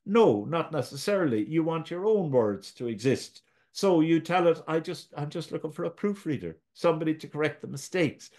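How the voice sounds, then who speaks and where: A man's voice: a little high, animated, moderate pace, a little mellow. A man with an Irish accent giving a screen-share tutorial, patiently talking through each step as he goes. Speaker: tutorial presenter.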